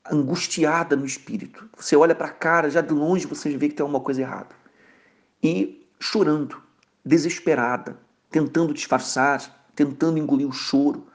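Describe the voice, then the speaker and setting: A man, a pastor, telling a personal testimony in a sermon, earnest and conversational, often tagging his sentences with a questioning aside. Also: a little high. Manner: earnest storytelling with frequent "né?" asides.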